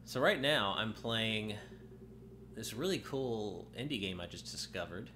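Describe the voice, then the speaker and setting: In this casual live-stream, a man talks over his gameplay in a fairly low, slightly nasal voice that sounds pushed and bright, animated but a little slow. He keeps cutting himself off mid-sentence, and game music runs underneath along with a faint hiss or hum.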